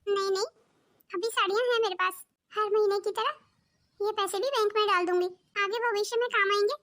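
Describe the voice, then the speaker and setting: A woman's voice: very high voice, fairly even intonation, a little fast, fairly bright tone. A woman voicing a thrifty elder daughter-in-law in a cartoon, speaking in a sensible, matter-of-fact way. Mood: calm.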